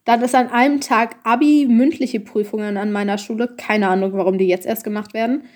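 Teenage girl, high pitch, lively casual storyteller from Germany. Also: a little fast. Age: teens. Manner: animated storytelling, acts out voices in anecdotes. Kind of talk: casual chat.

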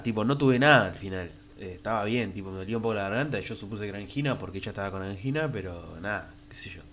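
With a mid-range voice and slight noise behind him, this young podcast host speaks Spanish with a Rioplatense Argentine accent. Congested from a cold and breathing through his mouth, he hosts his casual solo show, rambling crudely and frankly and using lots of fillers.

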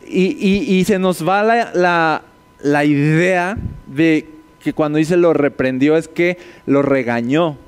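A man gives a conversational sermon, breaking down scripture and tossing his listeners quick tag questions. His voice sits fairly high and sounds smooth and resonant. A long reverb from a large hall trails after his words. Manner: explanatory, rhetorical tag questions. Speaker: preacher. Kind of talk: conversational sermon, Bible teaching.

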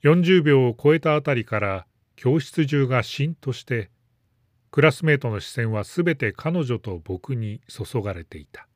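Calm man reading a story, dry. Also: mid-range voice, moderate pace, dry recording. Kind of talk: scripted narration.

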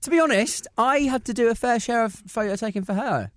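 Podcast bloke, talks fast and bouncy, dry close mic. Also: male voice, extremely high pitch, no room sound. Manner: animated storyteller, laughs often. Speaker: podcast co-host. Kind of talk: casual chat.

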